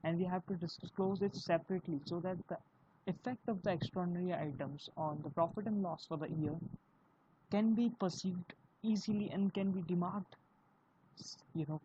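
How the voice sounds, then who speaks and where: A speaker with an Indian accent giving an explanatory video lesson on accounting, talking in a halting way with frequent fillers. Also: mid-range voice. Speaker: accounting teacher. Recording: dull lo-fi recording with faint hiss.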